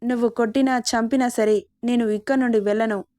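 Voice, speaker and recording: A woman's voice: a little high, steady tone, brisk, mellow, close to an everyday voice. A woman reading as a stubborn young man friend. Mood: insistent.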